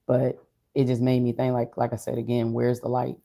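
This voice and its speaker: A streamer or vlogger shares personal reflections in a casual monologue, using a mid-pitched, dark, mellow voice with little melodic movement. The delivery is subdued, low-energy, unhurried and completely flat, with vocal fry.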